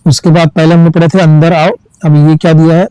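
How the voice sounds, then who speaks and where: A man teaching reading, spelling each word out letter by letter and then reading it slowly and patiently. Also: on the high side, little pitch movement, mellow, clear, resonant tone, no room sound, rough recording. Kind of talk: slow letter-by-letter reading lesson.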